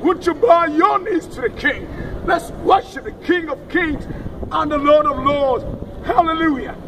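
Older man chanting slow outdoor praise. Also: extremely high pitch, a crowd in the background. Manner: slow chanting proclamation, repeated refrains. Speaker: street preacher. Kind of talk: open-air street preaching. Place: town square outdoors, kneeling on a mat. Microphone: distant handheld camera. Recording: distant outdoor street recording with noise. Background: street and wind noise.

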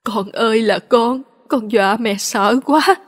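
A woman reading a story aloud, voicing an elderly village mother who laments loudly. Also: fairly high pitch, expressive, moderate pace, in a large hall. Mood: lamenting. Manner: wailing, lamenting. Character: grief-stricken older village mother.

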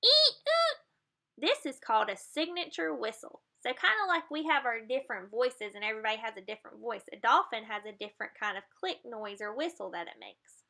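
A woman's voice: fairly high pitch, expressive, a little fast, gravelly, few pauses, bright, forceful tone. A woman reading a children's picture book aloud, explaining the pictures and adding playful sound effects.

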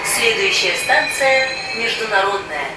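A woman making formal, calmly paced station announcements, played over the train loudspeaker. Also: measured pace. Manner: calm, formal, evenly spaced phrasing. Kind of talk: recorded transit announcements. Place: metro train car. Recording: echoey loudspeaker heard from far off in a noisy train car. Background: rumbling train noise.

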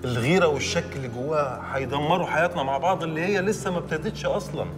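An actor with an Egyptian accent playing an exasperated young newlywed husband in a TV drama. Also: male voice, a little high, rapid-fire, far from the mic, lightly acted. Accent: Egyptian Arabic. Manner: pleading, then exasperated. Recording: music under the dialogue.

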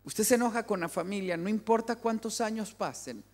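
A man's voice: sits high, a little fast. A man giving an emphatic family sermon in a large church hall, repeating key phrases for weight. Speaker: family speaker.

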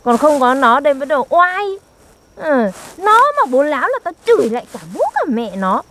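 A woman's voice: high voice, sing-song, normal speed, fairly bright tone, a little hiss or hum. A young woman, performing in a scripted comedy skit and teasing and scolding her partner in an exaggerated way. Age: young adult. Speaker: comic actor.

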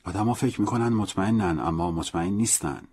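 Gentle, paternal prison priest with a deep, low voice, as the male narrator reads him, soft and pleading, audiobook. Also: breathy edge.

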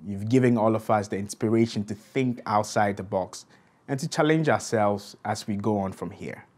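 A man with a fairly low voice gives a prepared graduation address. His delivery is steady and formal, recorded indoors facing the camera. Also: normal speed, slight background noise. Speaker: graduate speaker. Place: plain indoor backdrop, in cap and gown.

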